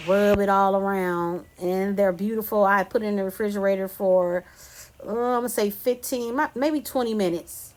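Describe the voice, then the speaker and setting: A Californian woman with a mid-range voice runs a casual cooking tutorial, and there's a faint hiss or hum on the recording. Chatty and loose, the cooking vlogger calls her audience "y'all" and "you guys."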